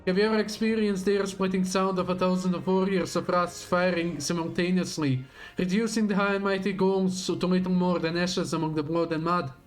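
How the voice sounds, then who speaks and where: A man acts out a grandiose warlord villain from a video game. The delivery is slow, theatrical and full of menace, every phrase declaimed with zeal. The voice sits a little high, with faint music underneath. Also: fairly even intonation, lightly acted, poor audio. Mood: contemptuous, menacing. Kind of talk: dramatic read-aloud of video game villain dialogue.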